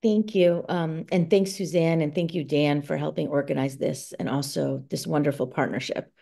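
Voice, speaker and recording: A woman's voice: sits low, fairly even intonation, moderate pace, vocal fry, dark tone. A woman moderating a video call, hesitant, with many ums and you knows. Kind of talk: casual moderating.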